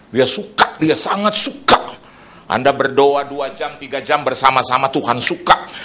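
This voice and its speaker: A middle-aged man preaching a lively sermon in a church, swinging between loud and soft and adding sound effects. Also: medium pitch. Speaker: pastor, evangelist.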